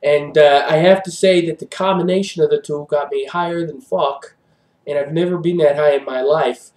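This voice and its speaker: A man hosting an improvised comedy review show, rambling deadpan with fillers. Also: on the high side, moderate pace, echoey room.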